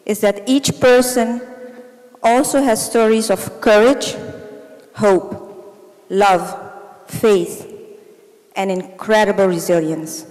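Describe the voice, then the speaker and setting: A middle-aged woman giving a prepared speech as a volunteer, measured and formal, delivered in short phrases. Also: mid-range voice, a little mellow. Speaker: volunteer speaker. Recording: long reverb of a large hall.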